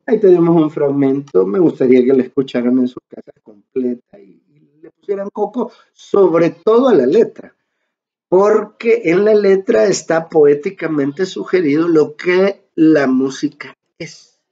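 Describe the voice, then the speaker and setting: A man teaching a music class in a slow, explanatory way, often checking in with his listeners. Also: fairly high pitch, mellow. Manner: slow, explanatory, repeats "¿verdad?" to check understanding. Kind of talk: online lecture. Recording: dull lo-fi sound.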